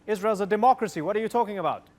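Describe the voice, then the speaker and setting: A male news host moderating a debate with brisk, pointed questions. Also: high-pitched, a little mellow.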